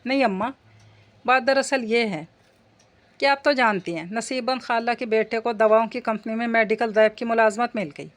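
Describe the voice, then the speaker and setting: A woman's voice: a little high, moderate pace, lightly acted. A woman reading the part of a reasonable, soothing elder daughter-in-law who is a young mother.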